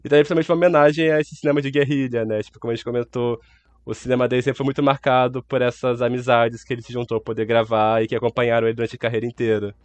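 A man's voice: medium pitch, flat delivery, rapid-fire, dry recording. A Brazilian man co-hosting a casual, opinionated film podcast, his voice affected by flu and an inflamed, swollen throat. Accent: Brazilian Portuguese.

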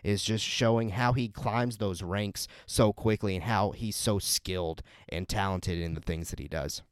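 A man's voice: lowish voice, steady tone, unhurried, clean tone, no room sound, clean studio sound. A man co-hosting a casual podcast, talking with enthusiasm and often repeating words as he starts a thought. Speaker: podcast co-host.

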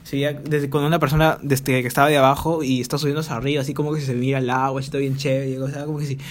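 A man's voice: medium pitch, flat delivery, racing. A man rambling through childhood stories on his podcast, swearing freely, mocking himself and piling up fillers. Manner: crude swearing, chatty, self-mocking, many fillers. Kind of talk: rambling storytelling monologue. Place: home, recording alone.

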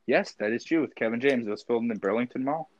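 A man's voice: mid-range voice, quick pace, highs cut off, crowd noise. A young man co-hosting a casual podcast chat, rambling with many fillers and restarts. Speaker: podcast co-host.

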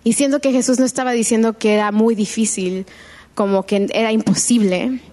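A woman delivers a sermon in a church, her voice sitting a little high for a woman. She talks in a loose, conversational way rather than reading, often breaking off and restarting mid-phrase as she looks for the right word. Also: steady tone, a little fast, dark tone. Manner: conversational, searching for words with restarts. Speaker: preacher.

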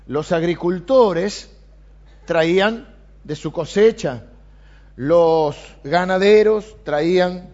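Man, Rioplatense accent, preacher, high voice, dull lo-fi recording. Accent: Rioplatense Spanish. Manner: animated, reads scripture aloud with rising emphasis. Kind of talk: sermon. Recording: dull lo-fi sound.

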